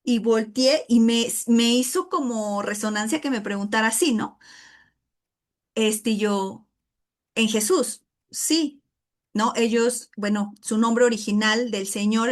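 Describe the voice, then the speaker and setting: A middle-aged woman teaching a Bible study in a conversational way, often calling listeners "brother" and filling pauses. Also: a little high. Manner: chatty, addresses listeners as "hermano", many fillers like "este".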